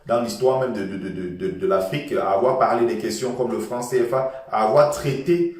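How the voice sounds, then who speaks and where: A man delivers a fervent political monologue, hammering points home through repetition. His voice sits at a middle pitch and sounds distant from the microphone. Heavy room echo surrounds every phrase. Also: brisk, a little mellow. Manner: passionate, repetitive, lecturing. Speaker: political commentator. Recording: echoey room from far off.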